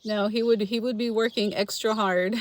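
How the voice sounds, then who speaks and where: A middle-aged woman from Los Angeles, California, runs a casual livestream for her frugal-living channel, reading viewer comments and chatting with people by name while laughing often. Her voice sits at medium pitch with a steady tone and moderate pace, and there's a little hiss or hum.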